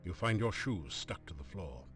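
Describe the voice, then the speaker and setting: Grand, swooping fantasy game narrator. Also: male voice, deep voice, expressive. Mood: dramatic. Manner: theatrical, measured storytelling. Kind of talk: scripted second-person game narration. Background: game music.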